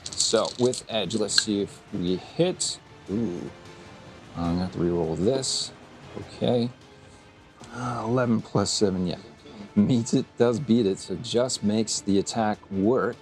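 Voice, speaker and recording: A man narrating as game master, halting with many fillers. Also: on the low side, faint music behind.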